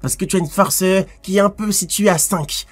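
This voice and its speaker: A man's voice: high-pitched, a little fast. A man voicing a lewd, taunting anime villain in a comic improvised dub, crude and teasing in a familiar way.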